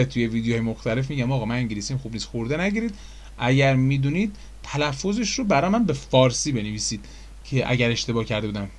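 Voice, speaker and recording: A man casually explaining software menus in a screen-recorded tutorial, chatty and full of fillers. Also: mid-range voice. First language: Persian.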